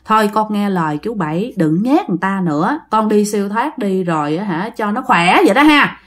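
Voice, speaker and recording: A woman with a Southern Vietnamese accent voicing a kindly older village man who coaxes softly. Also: expressive, brisk. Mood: coaxing. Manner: soft, low, coaxing.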